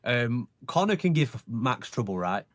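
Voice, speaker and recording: A man joins a casual podcast chat, hesitant and searching for words as he talks. His voice sits mid-range with lively swings in pitch. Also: unhurried, dry recording, clean studio sound. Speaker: podcast co-host.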